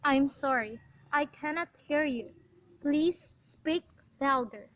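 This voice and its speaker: A woman playing a calm, formal telephone operator who speaks in a detached, measured way in an amateur radio play. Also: high voice.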